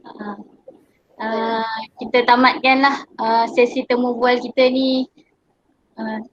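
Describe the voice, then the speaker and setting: A woman's voice: a little high, level tone, slow pace, highs cut off. A young Malaysian woman, a trainee teacher, politely closing an interview with formal thanks.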